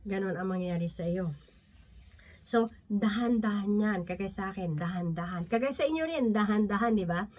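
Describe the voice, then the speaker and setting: A woman's voice: medium pitch, moderate pace, a little mellow. A woman preaching a casual Bible lesson, often checking in with "no?" and "di ba?", mixing in English phrases and laughing lightly. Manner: conversational, often tags lines with "no?" and "di ba?"; mixes English phrases into her talk. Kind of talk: Bible teaching talk.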